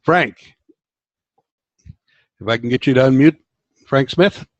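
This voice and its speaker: A man's voice: mid-range voice, slow, no echo. A man hosting a casual online business meeting, upbeat and encouraging, speaking over a call. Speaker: webinar host. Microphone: video call. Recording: dull lo-fi call audio.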